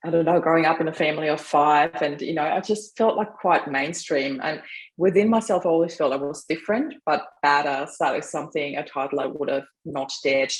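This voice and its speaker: A woman's voice: sits low, a little fast, poor audio. A middle-aged woman from Austria, a guest telling her life story in a casual interview, chatty and laughing often, with frequent fillers. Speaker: podcast guest; mindset coach.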